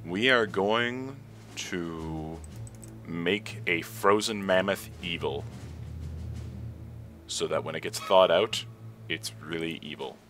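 Deep-voiced man musing over gameplay. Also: slow pace, pauses often, fairly bright tone. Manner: rambling, thinking aloud, chuckling. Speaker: let's play host. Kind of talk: gameplay commentary. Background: game music.

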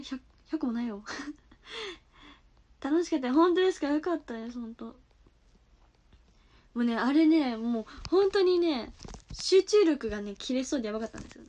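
A woman's voice: sits high, mellow. A young woman streaming live from home, chatting casually and giggling as she reacts to viewer comments on her phone.

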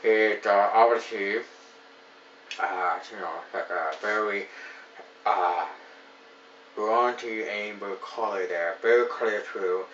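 Speaking slowly with long pauses, this Ontario man in his thirties has a low-leaning, steady, fairly bright voice as he reviews a beer in his small home room full of beer shelves. He rambles enthusiastically, packing in "you know" fillers. The room echoes, he's far from the mic, and the audio is dull with a little hiss or hum.

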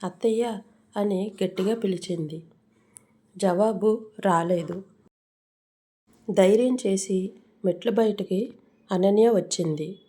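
A woman storyteller reading a suspense tale in a steady, suspenseful way. Her voice is warm and mellow, sitting at an ordinary middle pitch. It sounds like scripted narration for a story channel. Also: slow, long pauses.

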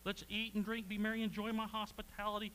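A man acting out a father-in-law from scripture who begs a guest to stay longer, in a slow, drawn-out coaxing voice. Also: high voice, completely flat delivery, a bit bright, slight background noise, pitched above the performer's own voice, poor audio. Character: ancient father-in-law urging hospitality.

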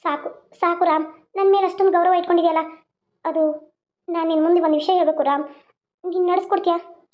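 A woman voicing a high, gentle elder sister. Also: steady tone, brisk, pauses often, muffled recording. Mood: calm. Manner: gentle, pleading, chatty. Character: young woman doctor, caring elder sister. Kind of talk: homemade cartoon drama dialogue.

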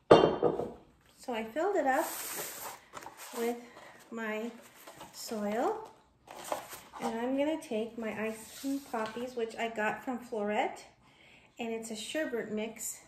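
Woman in her 30s rambling thru a how-to at her kitchen counter, bit high voice, echoey room w some noise. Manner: chatty, thinking aloud while working, frequent ums and restarts. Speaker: homesteading vlogger. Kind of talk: casual how-to narration. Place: home kitchen, indoors. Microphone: fixed camera across the counter.

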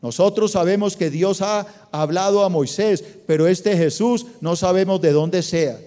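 A man's voice: high-pitched, unhurried, dark tone. A man with a Colombian accent, a pastor preaching a sermon and putting rhetorical questions to his congregation. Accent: Colombian Spanish. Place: large church auditorium. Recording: long hall reverb.

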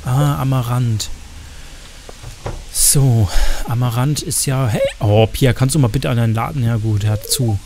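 A man's voice: medium pitch, a little slow, noisy background. A man giving casual, chatty gameplay commentary as a streamer, joking around and cursing in crude asides to his chat.

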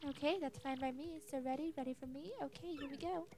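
A woman's voice: high voice, fast, over music, pitched above the performer's own voice. A woman voicing a cheerful female video game fortune teller with sing-song rhyming patter. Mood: welcoming, mystical. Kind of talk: reading game dialogue aloud in character.

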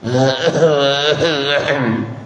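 A man's voice: mid-range voice, very slow, slight background noise. A man with a Patani Malay accent, a religious teacher giving a village mosque sermon, telling stories with chuckles and chanting prayers. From southern Thailand. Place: mosque hall. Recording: echoey hall from a distance.

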